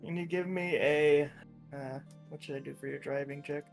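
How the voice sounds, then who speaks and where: Game master describing scenes and calling for rolls, middling pitch, soft music under it. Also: steady tone, normal speed, vocal fry. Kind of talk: narrating and refereeing a tabletop game.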